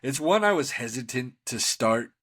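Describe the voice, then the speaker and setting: A man's voice: medium pitch, animated, moderate pace, a bit bright, no room sound, clean studio sound. A man co-hosting a podcast, talking casually about TV shows in a rambling, slangy, conversational way. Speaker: podcast co-host.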